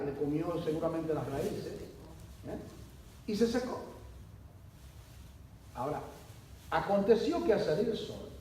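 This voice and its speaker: A male pastor with a fairly high voice preaches a sermon in a church hall. He sounds distant from the mic, and the room echo is very heavy. A faint hum sits underneath his voice. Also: darkish tone. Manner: preaching with rhetorical questions and dramatic swings in pitch and volume.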